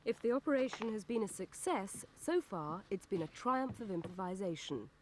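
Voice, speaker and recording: A woman reporter reading scripted documentary narration in a measured, formal manner. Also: medium pitch, animated, a little hiss or hum, poor audio.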